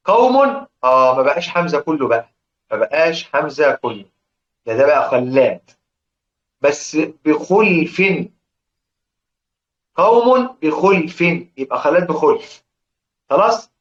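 A man with an Egyptian accent teaching a lesson on Quran recitation. He keeps asking his students questions, answers them himself, and chants quoted verses slowly. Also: fairly high pitch, big pitch swings. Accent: Egyptian Arabic. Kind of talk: religious lesson explaining verse. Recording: echoey room, dull lo-fi sound.

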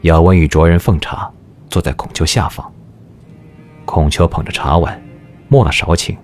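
A man's voice: low voice, normal speed, darkish tone. A man narrating a historical audio drama in a scripted, dramatic storytelling style. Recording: music behind the narration.

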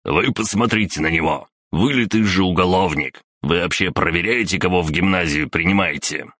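Bullying loud father, done by the male narrator, scornful blustering delivery, deep dry read. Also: normal speed, no echo. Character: loud boorish middle-aged father, bullying and rude.

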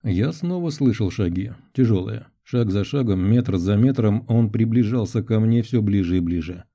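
A man reading an adventure audiobook in first person, with measured, tense storytelling. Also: on the low side, expressive, mellow. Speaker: audiobook narrator. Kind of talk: scripted first-person narration.

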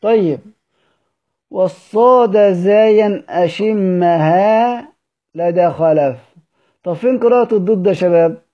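A man's voice: high-pitched, highs cut off. A man with an Egyptian accent teaching a class on Quran recitation, repeating key phrases and asking his students questions. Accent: Egyptian Arabic. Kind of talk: lecture explaining recitation verse.

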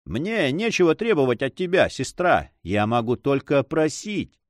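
A man's voice: medium pitch, very animated, a little slow, no room sound, studio quality. A man reading a story aloud, voicing a carefree young nobleman who banters ironically with his sister. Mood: teasing. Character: teasing, carefree young nobleman, Don Sancho.

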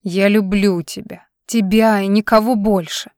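A woman's voice: mid-range voice, fairly even intonation, a little slow, a little mellow, dry recording, studio quality, natural voice. A woman reading an audiobook, voicing an urgent, insistent man arguing with his lover over the phone. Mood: pleading.

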